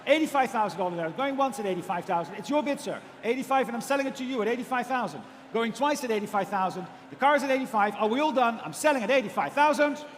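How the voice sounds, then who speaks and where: High-pitched, fast-talking male auctioneer in echoey hall. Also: animated, background noise. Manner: rapid, repetitive chanting of figures with polite prompts to bidders. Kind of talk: live auctioneer's bid calling. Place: large auction room.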